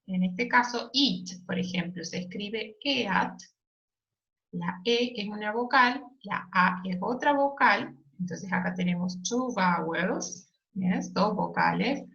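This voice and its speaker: A woman teaching an English lesson, explaining slowly and patiently and checking in often with "yes?" and "ok?". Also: medium pitch, creaky, fairly bright tone, dull audio. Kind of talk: recorded online lesson.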